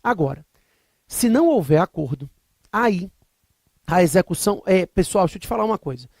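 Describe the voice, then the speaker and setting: A man's voice: high voice, expressive, brisk, a little mellow, dry recording, clean studio sound. Jokey Brazilian man lecturing on law. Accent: Brazilian Portuguese. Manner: emphatic, repetitive, jokey digressions. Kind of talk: recorded exam-prep lecture with comic anecdotes.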